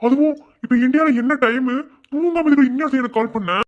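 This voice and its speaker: A man's voice: on the high side, steady tone, quick pace, phone-quality sound, lightly acted. A man voicing a young man working abroad in a cartoon love story, soothing and insisting that his partner trust him. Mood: reassuring.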